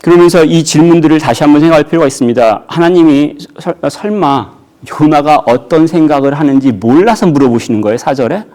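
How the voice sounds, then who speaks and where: A male pastor preaches a sermon in church, posing rhetorical questions to the congregation and sharply raising his voice when acting out quotes. His voice is on the high side, a little mellow, fast-paced, and lively in intonation.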